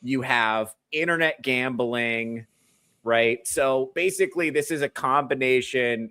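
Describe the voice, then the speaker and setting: A man's voice: medium pitch, a bit bright, dry recording. A man hosting a comedy podcast, ranting animatedly about clips and swearing freely. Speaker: podcast host.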